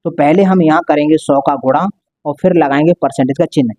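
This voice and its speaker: A man's voice: on the high side, fairly quick, warm tone, no echo. A male maths teacher explaining a lesson step by step, repeating and stretching out key words.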